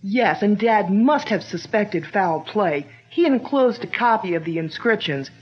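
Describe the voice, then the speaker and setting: A medium-pitched, animated woman speaks at a measured pace in a natural voice, playing an earnest, courageous young woman hunting down her father's murderer in a 1940s-style radio drama. Her tone is earnest and urgent, and the recording sounds dull and lo-fi, like old radio.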